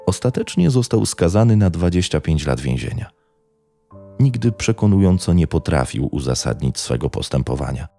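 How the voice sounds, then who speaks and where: A man tells a true-crime story in a grave, measured narration. His voice is extremely deep and gravelly, dark in tone, yet moves a lot in pitch. Faint music plays beneath him. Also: very animated. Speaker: podcast narrator.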